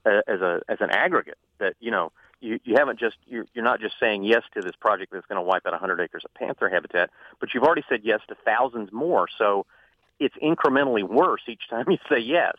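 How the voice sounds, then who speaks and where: A man who is a journalist and author, guest on a radio interview, an animated storyteller who laughs often. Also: fairly low pitch, brisk, dry recording, narrow, tinny audio.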